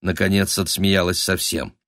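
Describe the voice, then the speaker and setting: A man narrating a mystical period thriller as an expressive audiobook reader. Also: low voice, normal speed, no echo, clean studio sound. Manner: expressive, dramatic storytelling.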